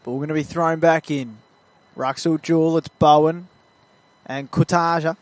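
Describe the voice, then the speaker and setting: A man's voice: fairly high pitch, fairly even intonation, a little slow, dry recording. A man with an Australian accent calling amateur football play-by-play in a chatty way, rising when play picks up. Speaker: play-by-play commentator. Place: at a suburban football ground.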